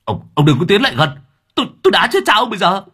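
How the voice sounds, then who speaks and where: A man voicing a hot-tempered male motorbike-taxi driver who talks loud, brash and crude. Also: lowish voice, sing-song, moderate pace, breathy edge, heavily acted. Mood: blustering angry.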